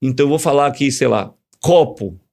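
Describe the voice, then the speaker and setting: A man explaining ideas in a casual podcast conversation, animated and teacherly, full of examples. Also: mid-range voice, fairly quick, gravelly. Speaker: communication guest.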